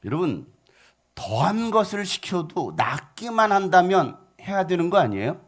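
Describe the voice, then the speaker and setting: A male pastor preaching a lively sermon, acting out voices and quotes with a playful, animated manner. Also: high voice, moderate pace.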